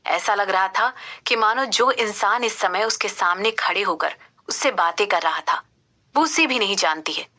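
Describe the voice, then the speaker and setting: A woman narrating a romance audio story in a steady, expressive storytelling manner. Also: medium pitch, normal speed. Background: background music.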